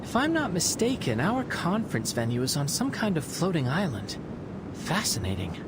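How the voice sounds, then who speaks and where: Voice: medium pitch, huge pitch swings, normal speed, heavy background noise. An actor playing a sly, playful, confident scholar in a video game, with a wry, flowery, theatrical manner. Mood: playful, curious. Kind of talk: video game character dialogue.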